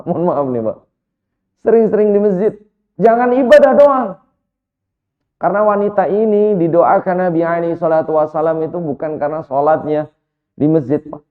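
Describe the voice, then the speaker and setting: A man preaching as an Islamic preacher, telling a story with lively, repeated direct address to his listeners. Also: on the high side. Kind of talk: sermon. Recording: echoey hall over a tinny line.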